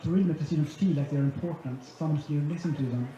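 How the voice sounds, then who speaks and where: A man's voice: fairly high pitch, quick pace, warm tone. A man giving a conference presentation, laying out his points methodically one by one. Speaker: conference speaker. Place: large conference hall. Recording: echoey hall, dull sound, faint ambience.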